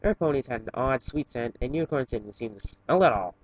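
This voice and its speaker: Reading a story aloud for an online fan fiction channel, a man with a mid-range voice sounds expressive and goes a little fast. His amateur, informal delivery occasionally stumbles, and the dull, lo-fi home recording carries no room sound.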